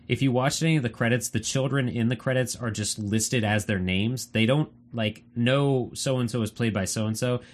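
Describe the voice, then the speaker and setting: Give me a relaxed man with a mid-range voice, chatting on a movie podcast and reading his notes. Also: medium pitch, normal speed. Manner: relaxed, reads from his notes, laughs easily. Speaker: podcast co-host. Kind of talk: casual movie review chat.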